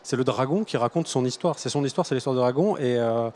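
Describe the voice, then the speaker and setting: A man, a children's author and guest in a casual interview, explains his book in a hesitant, thoughtful way, often restarting. His voice is medium-pitched, fast and darkish, with slight background noise.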